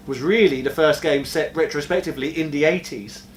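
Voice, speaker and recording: A man in his thirties co-hosting a casual gaming chat, playful and jokey, getting excited as he talks. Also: a little high, fairly quick, faint music behind. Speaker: co-host of gaming chat show.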